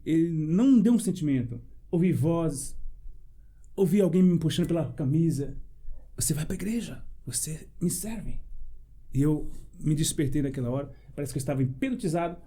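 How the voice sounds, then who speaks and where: A man with a slightly high, mellow voice preaches as a pastor in a panel debate. He's forceful and full of rhetorical questions, laughing briefly between phrases as he shares his personal testimony.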